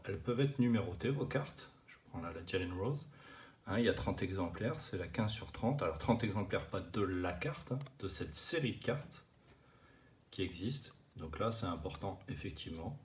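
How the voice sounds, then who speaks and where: Low-voiced man explaining his cards. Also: animated, moderate pace, a little hiss or hum. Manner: chatty, many fillers and restarts. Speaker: card collecting channel host. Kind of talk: casual explainer showing cards to camera.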